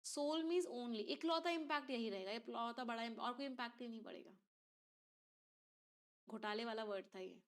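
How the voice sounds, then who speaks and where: A woman's voice: a little high, moderate pace. A woman teacher explains an exam passage step by step and keeps asking her class questions. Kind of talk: exam reading-comprehension lesson.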